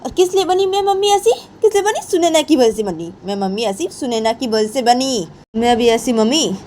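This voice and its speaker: A woman voicing a fiery young woman who keeps repeating herself in an insistent, shrill way. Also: animated, fairly quick, warm tone, a little hiss or hum, close to an everyday voice. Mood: angry.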